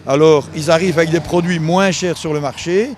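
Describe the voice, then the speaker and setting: A farmer talks plainly and colloquially. His voice is somewhat high, with faint noise behind him. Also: steady tone, a little fast.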